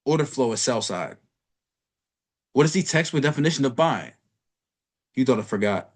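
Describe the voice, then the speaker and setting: A man's voice: medium pitch, animated, moderate pace. Blunt, profane man teaching trading. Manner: blunt, profane, streetwise slang, addresses viewer as bro. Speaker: trading educator. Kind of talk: casual screen-share trading lesson.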